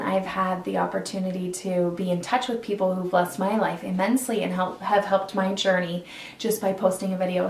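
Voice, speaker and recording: A woman's voice: medium pitch, slight background noise. Woman, 30s, vlogger, earnest and chatty with many restarts, faint household ambience behind. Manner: earnest, rambling, frequent ums and restarts. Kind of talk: casual chat to camera. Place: indoors in a borrowed home. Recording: roomy sound from a distant mic.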